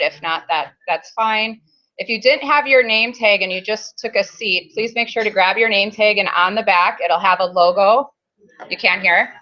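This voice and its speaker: A woman with a medium-pitched voice opens a conference workshop as session host, chatty and casual with lots of ums. She speaks into a faulty handheld mic in a meeting room, and the high frequencies are cut off.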